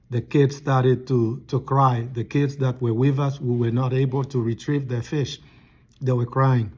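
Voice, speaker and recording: Man, mid-pitch, earnest testimony teller, halting and restarting, chewing between words. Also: dark tone. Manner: eating while talking. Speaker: testimony speaker. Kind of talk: personal testimony storytelling.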